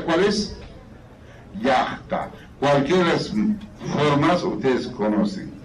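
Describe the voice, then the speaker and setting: Slow-paced Peruvian teacher, echoey room. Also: male voice, a little high. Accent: Peruvian Spanish. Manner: slow, drawn out and repetitive, reading word lists aloud. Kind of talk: classroom vocabulary lesson. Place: classroom. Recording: echoey room, far from the mic, noisy.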